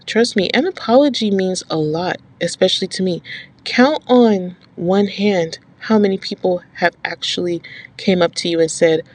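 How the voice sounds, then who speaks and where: A woman's voice: on the low side, moderate pace. Casual advice vlog, woman speaking to camera, firm and repetitive. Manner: emphatic, repeats points, checks in with "okay?". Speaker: advice vlogger. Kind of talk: direct-to-camera advice talk.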